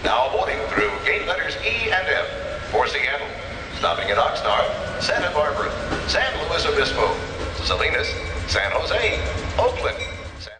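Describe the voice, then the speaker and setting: A man making a formal train boarding announcement over a public address loudspeaker, reading out the stops in a measured announcer cadence. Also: on the high side, very animated. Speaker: station announcer. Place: large train station concourse. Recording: echoey station hall PA from far off with music.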